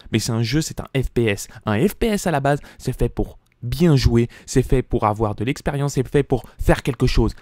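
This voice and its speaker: A man's voice: dry recording, clean studio sound. Angry gamer man ranting. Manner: furious, swearing, pitch jumping up when shouting. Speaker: gaming YouTuber. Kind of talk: angry rant over gameplay. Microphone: desk mic.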